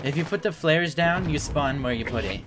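A man's voice: on the high side, lively intonation, normal speed, noisy background. A man giving casual, laughing commentary while he plays a shooter game, swearing freely. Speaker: gamer. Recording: game music under voice. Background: game music and gunfire.

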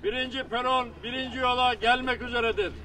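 A man making a formal train station platform announcement over a loudspeaker, heard outdoors. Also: very high-pitched, fairly even intonation, quick pace. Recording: distant loudspeaker, street noise.

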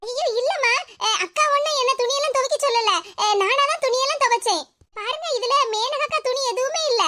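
A woman's voice: very high voice, fairly quick, noisy background. A woman doing a meek tearful cartoon daughter-in-law. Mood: protesting. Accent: Kanyakumari Tamil.

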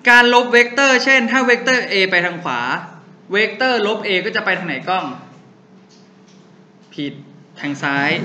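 Bright-voiced male physics tutor quizzing students. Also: high voice. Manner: quizzes students with quick rhetorical questions. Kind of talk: classroom lecture. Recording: faint background noise.

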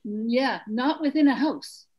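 A woman's voice: a little high, expressive, slow, slightly rough, dull audio. A woman with an Irish accent, an audience member on a video call, speaking with dry, wry humor.

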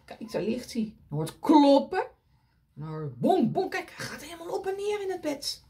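A woman's voice: sits high, sing-song, moderate pace, warm tone. A woman reading a picture book aloud to children, pointing at the pictures and asking them questions.

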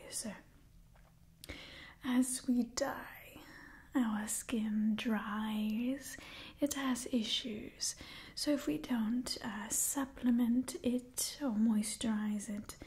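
A young adult woman whispers an ASMR roleplay as a haughty, doting immortal vampire, soft and breathy, slow, refined, coaxing and faintly imperious, with a calm, instructive mood. Her voice is fairly high-pitched with a steady tone. She's on a small indoor set with a wooden backdrop, close-miked by an out-of-frame microphone, with noticeable hiss and soft clicks.

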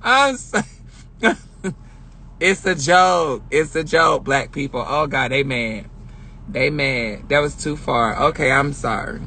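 A woman's voice: very deep voice, slow pace, fairly bright tone. A woman hosting a casual live stream from inside her car on a phone, talking in a brash, joking, profane way. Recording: car noise behind.

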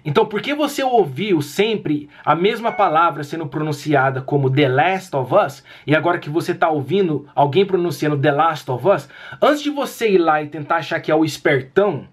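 A Brazilian man in his thirties vents to his viewers in a casual gaming vlog. His voice sits high and sounds husky. He talks emphatically and circles back to the same points again and again. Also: lively intonation, fairly quick, hardly any pauses. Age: 30s. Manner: exasperated, emphatic, repeats himself. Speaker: gaming YouTuber. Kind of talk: casual vlog rant to camera.

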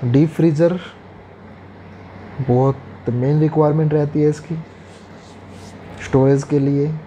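A man in his thirties talks straight to camera, explaining and listing items in a steady, instructive manner. His voice is mellow and somewhat dark, at a middle pitch for a man. It is picked up close by a lapel mic in a small indoor room. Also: a little hiss or hum. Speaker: restaurant equipment seller.

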